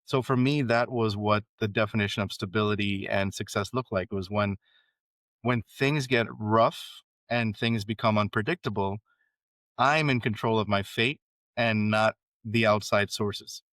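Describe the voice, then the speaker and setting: A male podcast guest who explains his background in a steady, storytelling manner. His voice sits low and sounds dry and close. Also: measured pace, no room sound. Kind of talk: conversational interview.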